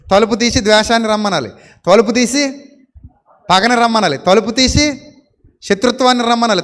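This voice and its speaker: A male pastor preaching a sermon, animated, with many rhetorical questions and playful mock quotes. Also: very high-pitched, in a large hall.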